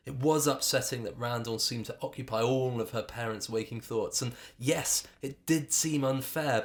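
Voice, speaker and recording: A man's voice: medium pitch, fairly bright tone. A man reading his children's book aloud, narrating with dramatic expression.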